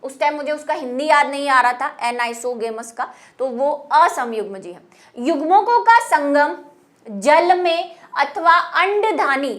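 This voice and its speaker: A woman's voice: sits high, fairly bright tone. A woman teaching a biology lecture, explaining terms patiently in Hindi and English. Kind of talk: classroom lecture.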